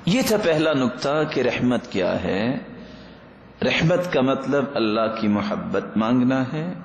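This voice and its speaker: A man's voice: mid-range voice, reverberant, slight background noise. A man delivering a sermon, speaking with impassioned, rising emphasis and slipping into chanted Arabic quotations. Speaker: preacher.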